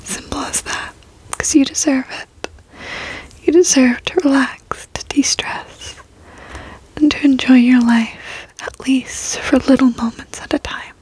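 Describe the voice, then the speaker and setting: Slow, whispered pep talk from a young woman. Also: sits high, steady tone, dry recording, low-quality recording. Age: young adult. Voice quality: soft, breathy, unvoiced whisper. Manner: slow, reassuring, gentle encouragement. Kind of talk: whispered pep talk, ASMR positive affirmations. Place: bedroom, indoors. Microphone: close desk microphone.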